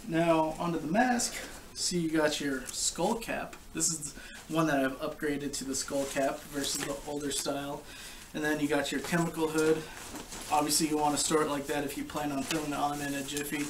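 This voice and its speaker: A young man giving a casual, informal product review to camera, explaining things in a halting way. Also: on the high side, steady tone. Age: young adult. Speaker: gas mask collector and reviewer. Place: living room couch, indoors. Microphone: camera a short distance away. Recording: distant camera mic with background noise.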